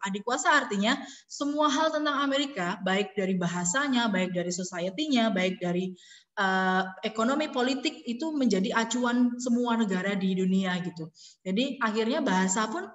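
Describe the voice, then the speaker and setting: A woman lecturer explains to a class at an easy pace, switching into English phrases and pausing on fillers. Her voice rings through a classroom with a long echo. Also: fairly high pitch, lively intonation, fairly bright tone. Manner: explains in Indonesian mixed with English, many fillers. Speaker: university lecturer. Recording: echoey classroom with long reverb.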